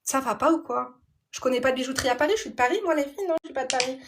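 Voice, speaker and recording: Woman vlogger, high voice, sassy and fed up, live storytime rant. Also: very fast, noisy background. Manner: animated, sassy street slang. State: annoyed.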